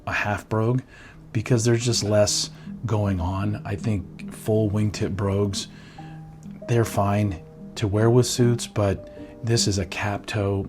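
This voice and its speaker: A man giving a thorough, relaxed product review at a table, often checking in with "right?" as he goes. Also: on the low side. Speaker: menswear reviewer. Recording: guitar music underneath. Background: guitar music.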